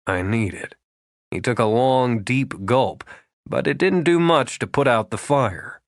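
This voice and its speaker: Measured male audiobook narrator. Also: medium pitch, no echo. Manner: even, measured reading. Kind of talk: scripted romance narration. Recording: dry close studio sound.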